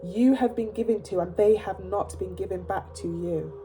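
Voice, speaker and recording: A woman gives a casual tarot reading to camera in a chatty, emphatic way, often asking "okay?". Her blocked nose is audible, her pitch sits in an ordinary middle range, and music plays clearly underneath her voice. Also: moderate pace, mellow. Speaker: tarot reader.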